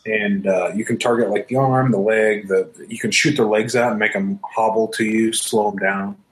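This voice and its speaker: Excitable rambling man on a podcast. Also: fairly low pitch, normal speed, low-quality recording. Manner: excitable, rambling, laughs often. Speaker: podcast co-host. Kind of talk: casual podcast chat.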